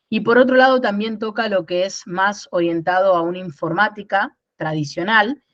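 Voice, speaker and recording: A woman's voice: medium pitch, a bit bright, no room sound. A woman from Rosario speaks with a Rosario Argentine accent as she leads an online workshop, explaining ideas step by step and checking in with her listeners. She sounds like she is in her thirties. The sound is dry and a little dull, as if recorded on a basic online call. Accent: Rosario Argentine Spanish. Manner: explanatory, repeats words and asks "¿no?". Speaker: workshop instructor.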